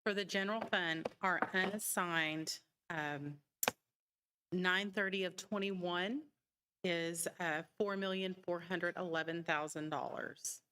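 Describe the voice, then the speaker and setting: A woman who serves as a city finance official presents the budget at a council meeting, explaining it in a matter-of-fact, formal way. Her lowish voice is bright and forceful, steady in tone and slow. The public meeting recording is noisy, with clicks.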